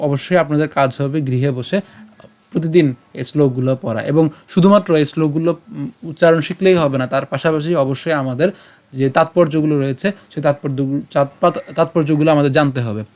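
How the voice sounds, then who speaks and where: A man's voice: a little high, darkish tone. Man teaching verse pronunciation step by step. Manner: explains syllable by syllable, chants verse lines slowly. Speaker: Gita recitation teacher. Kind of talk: online pronunciation lesson.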